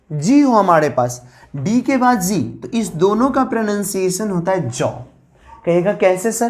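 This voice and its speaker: A woman gives an explanatory classroom lesson on English spelling. She spells words out letter by letter, repeats her points and keeps addressing her students directly. Her voice sits at a middling pitch for a woman. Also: a little mellow. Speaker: English teacher.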